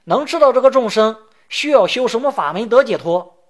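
Man teaching a sutra, highish voice that swings up and down a lot, explains each point, slows down for the verse lines. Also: expressive. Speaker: Buddhist teacher. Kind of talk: sutra lecture.

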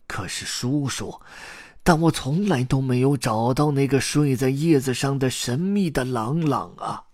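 A man voicing a tired, tearful old grandfather storyteller who talks slowly and sighs. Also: medium pitch, a little mellow, no echo, studio quality, voice pushed up, lightly acted. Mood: pleading. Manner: slow, sighing, exhausted.

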